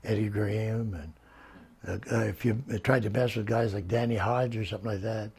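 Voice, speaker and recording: A man's voice: lowish voice, steady tone, fairly quick, a little mellow, slightly rough. An older man, a retired wrestler, reminiscing in an interview, rambling through stories and laughing often.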